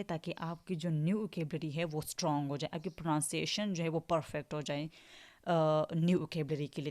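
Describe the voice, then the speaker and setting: A woman's voice: low-pitched, a little mellow. A woman teacher giving an online English phonics lesson in Hindi mixed with English, spelling each word letter by letter and then saying it, with a frequent "theek hai". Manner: slow drills, spells words letter by letter then says them; mixes English words into Hindi, repeats "ठीक है" often.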